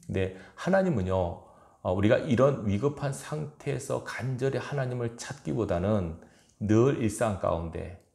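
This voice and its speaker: A man's voice: medium pitch, expressive, normal speed, vocal fry, a little mellow. A male pastor preaching a fervent, emphatic sermon in a church sanctuary. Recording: roomy church echo.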